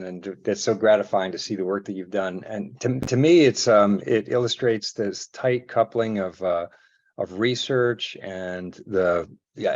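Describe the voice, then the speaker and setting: Deep-voiced man giving earnest praise. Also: muffled recording. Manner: earnest, filler-laden. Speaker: guest commenting on a talk. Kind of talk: spontaneous remarks at an event.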